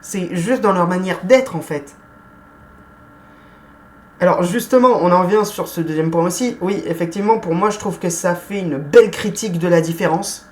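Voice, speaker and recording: A woman giving a casual film review, chatty and hesitant, often pausing with fillers and correcting herself. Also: lowish voice.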